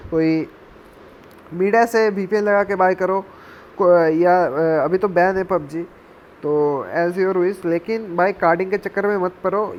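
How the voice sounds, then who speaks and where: A young man with a high voice tells a story in a casual vlog, chatting along and mixing in English phrases. The audio is a little dull, with a faint hiss of noise behind him. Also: darkish tone. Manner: chatty, mixes in English and calls listeners "bhai". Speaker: gaming channel creator.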